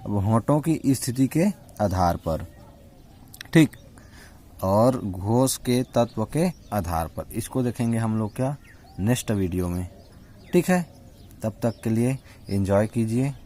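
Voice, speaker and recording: A man teaching a grammar lesson. He asks the class questions, answers them himself, checks in with "okay" again and again, and draws out the example vowel sounds slowly. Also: on the low side, lively intonation, dark tone. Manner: repeats "ठीक है" as a constant check-in. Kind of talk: spoken Hindi grammar lesson.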